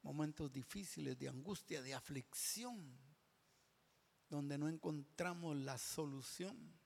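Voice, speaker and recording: Preacher, man, slow and deliberate, reverberant church hall. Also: a little high, gravelly. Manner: builds to loud shouted climaxes, then drops to whispers. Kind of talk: sermon. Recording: long reverb of a large hall.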